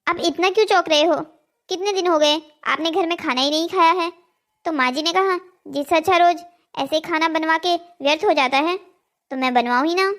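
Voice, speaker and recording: A woman's voice: very high-pitched, moderate pace, fairly bright tone. A woman voicing a curt, cool young wife in a cartoon. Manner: curt, dismissive. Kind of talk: Hindi cartoon voice acting.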